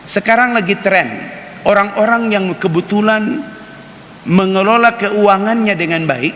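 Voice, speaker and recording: A man's voice: sits high, a little slow, a bit bright. A man preaching a sermon in a mosque, chatty and direct, often turning to speak to the men listening. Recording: reverberant mosque hall, faint hiss.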